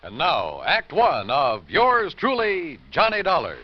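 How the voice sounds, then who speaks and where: A man's voice: fairly high pitch, huge pitch swings, slow. A man with an American accent announcing dramatically in 1950s radio style. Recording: dull old radio recording, loud music.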